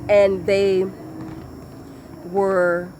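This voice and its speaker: A woman giving a motivational talk in a deliberate, repetitive, emphatic way. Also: medium pitch, little pitch movement, a little mellow, a little hiss or hum. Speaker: motivational speaker.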